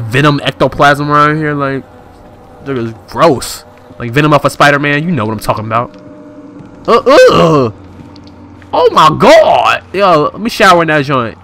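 A young man narrates his gameplay in a comedic let's play, jumping from mutters to panicked shrieks. His voice sits high and bright, with a wildly swinging pitch. He talks in loose slang. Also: a little hiss or hum. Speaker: gaming video host.

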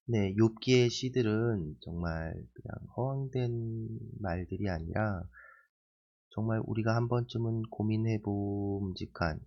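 Low gravelly guy doing a chill bible reading chat, kinda muffled lo-fi sound. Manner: relaxed, conversational, with pauses and fillers. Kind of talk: casual spoken Bible reflection. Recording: dull lo-fi recording.

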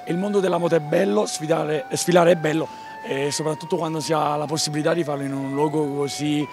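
A man conducts on-location interviews in a somewhat high male voice. His questions are polite and wordy. Music is clearly audible in the background. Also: fairly even intonation, fairly quick. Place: outdoor street at night. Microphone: handheld interview microphone.

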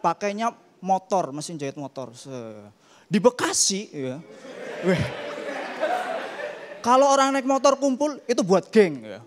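A man's voice: sits high, very animated, a little slow, pauses often. A male stand-up comedian performing on stage, mimicking typewriter clicks and camera shutters as he tells his bits. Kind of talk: stand-up routine. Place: comedy stage before a live audience.

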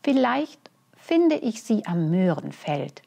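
A woman's voice: mid-range voice, sing-song, takes it slowly, vocal fry, mellow, full character voice. Woman as a brooding, insecure storybook hedgehog. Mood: worried, brooding. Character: sulky, worried, insecure male hedgehog. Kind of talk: children's picture book read aloud.

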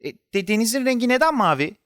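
A man's voice: very high-pitched, big pitch swings, fast, fairly bright tone, no echo, clean studio sound, voice pushed up, exaggerated voice. Man voicing a curious, impatient little boy. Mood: eager. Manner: eager, insistent questioning.

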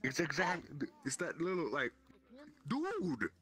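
A man's voice: fairly high pitch, wildly swooping pitch, slow, a bit bright. A man bantering casually in role-play with other people.

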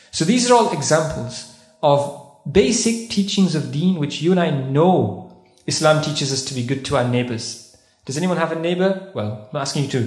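A visiting speaker at a mosque conference gives a sermon-style lecture indoors in a carpeted prayer hall, questioning the audience and reciting Arabic verses. His voice is on the high side with a darkish tone, and the hall echoes.

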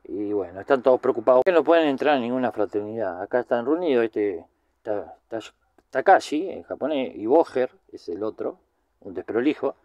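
Male film commentator, Rioplatense accent, mid-pitched, rambling casual recap, dry room. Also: animated, normal speed, darkish tone, no echo, dull audio. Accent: Rioplatense Spanish. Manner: rambling, chatty, many filler words.

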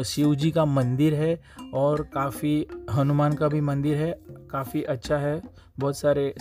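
A man's voice: medium pitch, darkish tone. A young man narrating a casual travel vlog while riding a motorbike through city streets, talking to viewers as friends. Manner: chatty, addresses viewers as friends. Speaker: vlogger.

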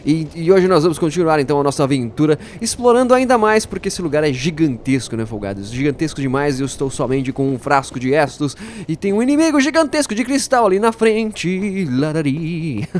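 A man giving playful, jokey let's-play commentary, talking to his viewers and bursting out excitedly during fights. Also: a little high, fairly quick, a little hiss or hum. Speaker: gaming YouTuber.

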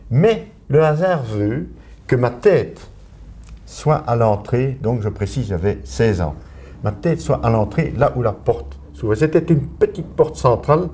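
A man's voice: mid-range voice, warm tone. A man in his eighties with a Belgian French accent, giving his testimony as a survivor and telling it vividly to young listeners. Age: 80s. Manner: vivid storytelling, acting out quoted voices. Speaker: Holocaust survivor witness.

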